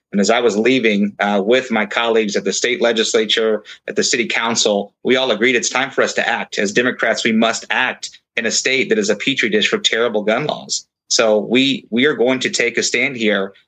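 A man serving as a county legislator, interviewed on live news. His voice is on the low side and his speech is earnest but halting, broken up with frequent uh fillers. He speaks with firm resolve. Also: fairly bright tone.

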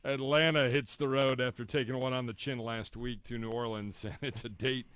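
A man hosting a casual sports chat who introduces each game in a drawn-out mock-announcer style. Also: mid-range voice, fairly even intonation, fairly bright tone, clear, resonant tone. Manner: drawn-out announcer delivery with fillers. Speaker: host announcing the games.

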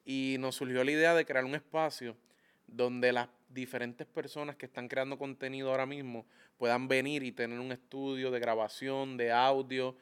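A man, a guest on a podcast, friendly and excited, calling the host "bro.". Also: medium pitch, normal speed, clear, resonant tone. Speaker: guest, podcaster and sales leader. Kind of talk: casual podcast interview. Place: podcast studio.

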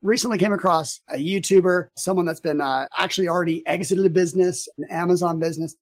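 A man's voice: high-pitched, quick pace. Male podcast host, easygoing interviewer, lots of "uh"s and restarts. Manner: chatty, lots of fillers and restarts. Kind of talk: casual interview.

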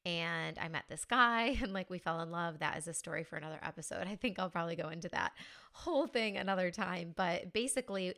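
A woman's voice: low voice, vocal fry, a bit bright, clean tone. Chatty young woman podcast host. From United States. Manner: chatty, upbeat, many fillers like "like" and "you know". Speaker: podcast host and mindset coach. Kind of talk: casual podcast monologue.

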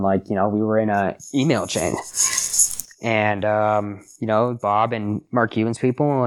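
A man's voice: lowish voice, clean tone. Young American guy, laid-back bro talk. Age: young adult. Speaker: podcast guest, sports podcast host. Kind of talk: casual chat, telling stories.

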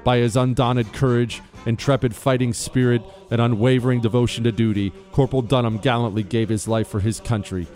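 An American man, a radio host, reading a military citation aloud in a crisp, formal, scripted manner. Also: mid-range voice, fairly even intonation, brisk, hardly any pauses, darkish tone, faint music behind. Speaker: radio talk show host.

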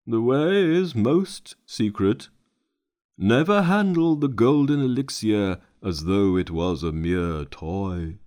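A man's voice: on the low side, expressive, a little mellow. A man doing a solemn old patriarch. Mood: murmuring. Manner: slow, solemn, drawn-out recitation. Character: old male patriarch teacher, solemn and wise.

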